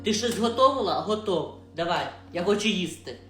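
A woman voicing a rude, lazy, beer-drinking young husband who talks gruffly and swears. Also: on the low side, animated, brisk, roomy sound, soft background music, pitched below the performer's own voice, close to an everyday voice.

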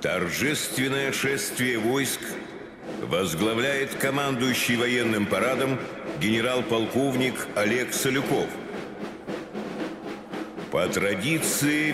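Echoey male parade announcer, solemn and formal. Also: medium pitch. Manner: formal, measured phrasing. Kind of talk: solemn scripted broadcast commentary. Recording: echoey sound under loud band music. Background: loud military band music.

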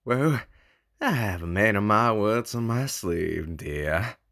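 A man voicing a suave, smug demon gentleman in a drawling, theatrical way for an amateur comic dub. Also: fairly low pitch, expressive, takes it slowly, heavily acted. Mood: smug, flirtatious.

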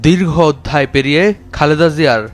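A man's voice: on the high side, fast, soft background music. A man reporter narrating a news feature in a solemn, formal way.

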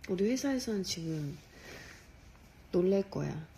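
A young woman in her late twenties talks slowly into a phone held close, unhurried and quiet, often dropping to a whisper. A faint hiss sits behind her voice in a dim room at night. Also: medium pitch, animated. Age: 20s. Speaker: livestream host. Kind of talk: casual livestream chat.

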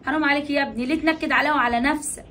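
A woman plays a concerned, motherly neighbor with an Egyptian accent who scolds in a high, fast voice. A faint hiss sits behind her. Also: steady tone, a bit bright. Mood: scolding. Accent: Egyptian Arabic. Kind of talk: short web drama acting.

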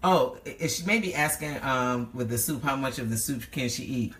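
A woman's voice: rumbling low, moderate pace, a bit bright, a little hiss or hum. A middle-aged woman hosting a live cooking stream from a home kitchen, talking into a phone held at arm's length and cheering her guest on. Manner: encouraging, frequent affirmations. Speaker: cooking show host.

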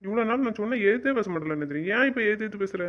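A man's voice: sits high, animated, very fast. A man in a romantic audio drama, scolding and teasing his partner in a bossy way. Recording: dull lo-fi recording.

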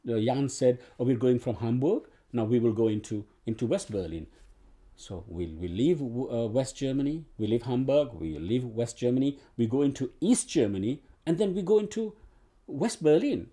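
A Ugandan actor in his sixties tells his story in an oral history interview, his medium-pitched voice animated and dark-toned at a moderate pace. He rambles with many restarts and fillers, seated in a living room with bookshelves and a sofa.

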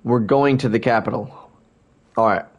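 A young man streams a game and chats casually with viewers, rambling and responding to chat amid constant hiccups and burps. His medium-pitched voice moves at a normal speed, and the recording's highs are cut off.

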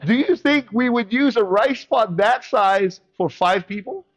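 A man from the Pacific islands preaching a sermon as pastor, with animated call-and-response and a playful manner. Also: high-pitched, a little slow, dull audio, soft background music.

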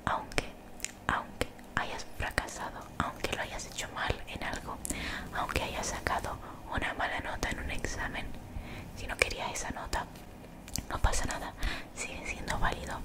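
A young woman gives soothing, motivational ASMR in a breathy whisper very close to the mic, gently repeating phrases. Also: normal speed. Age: young adult. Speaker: ASMR creator. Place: small bedroom, indoors. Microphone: desktop condenser mic, very close.

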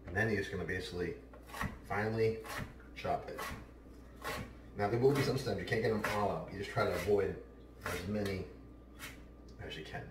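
Deep-voiced man chatting while cooking. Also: distant mic, background noise. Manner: chatty, offhand, talks while working. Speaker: home cooking show host. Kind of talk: casual cooking demonstration. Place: large home kitchen, indoors. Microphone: camera mic at a distance, then close to camera. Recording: roomy kitchen sound, heard from afar.

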